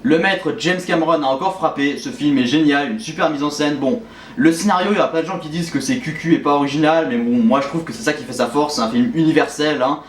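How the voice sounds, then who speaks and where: A man's voice: fairly high pitch, quick pace. A man casually ranking his favourite films of the year in a chatty way, often saying "hein" and "du coup". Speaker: film reviewer. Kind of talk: casual film ranking video. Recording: roomy echo, far from the mic, faint background noise.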